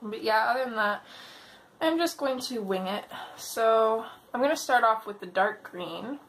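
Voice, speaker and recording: A woman hosting a casual coloring tutorial, thinking aloud in an unhurried way, her voice slightly off from a mild sore throat. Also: on the high side, lively intonation, fairly bright tone, low-quality recording. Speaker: host of a coloring tutorial video. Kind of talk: casual tutorial chat while working. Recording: clear background noise.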